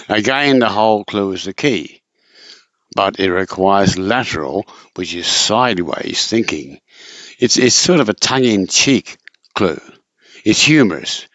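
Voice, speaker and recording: A man's voice: low-pitched, lively intonation, fairly bright tone, no room sound. A man tutoring in a casual spoken lesson, patient and repetitive, often circling back over points in a dull, lo-fi recording. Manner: patient, repetitive, drawn-out explaining.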